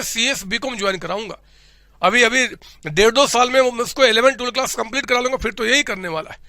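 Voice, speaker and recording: A man's voice: very high-pitched, vocal fry, pushed and bright, dry recording, clean studio sound. A man teaching accounting in a playful, boastful style, asking again and again whether the class understands. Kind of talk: humorous classroom lecture.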